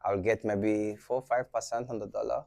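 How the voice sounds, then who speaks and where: A young adult man from Burundi, a native French speaker, explains venture capital conversationally in a lowish, gravelly voice at normal speed. He's animated, acting out dialogue and checking in often with "right?".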